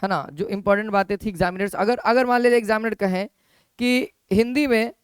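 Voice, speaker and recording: A man teaching an exam-prep class in a smooth, resonant voice, recorded close and dry with almost no room sound. He repeats key points over and over, asks his students questions and answers them himself. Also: high-pitched, a little fast, no room sound.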